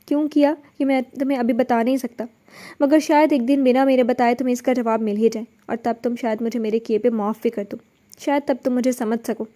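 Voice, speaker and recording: A woman's voice: fairly high pitch, steady tone, mellow, natural voice. A woman reading a story aloud, voicing a young man full of grief and remorse over his murdered parents. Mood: remorseful. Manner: anguished, pleading.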